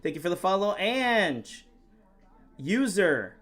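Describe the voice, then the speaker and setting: A man's voice: high voice, very animated, takes it slowly, a bit bright. A man giving live-stream chess commentary, thinking aloud move by move and chatting with viewers.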